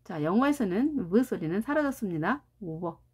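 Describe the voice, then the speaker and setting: A woman's voice: fairly low pitch, expressive, normal speed, darkish tone, slightly rough. A Korean-speaking woman teaching English pronunciation, explaining carefully and repeating each example word. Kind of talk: recorded pronunciation lesson.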